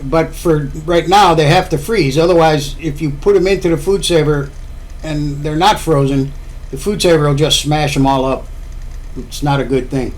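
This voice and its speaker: A man from Florida chats about his home cooking for a vlog, rambling and circling back to repeat his points. His voice sits slightly high for a man. The talk is loose and unscripted, like explaining over the kitchen counter. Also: steady tone, normal speed, darkish tone. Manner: rambling, chatty, repeats himself. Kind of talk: casual cooking talk to camera.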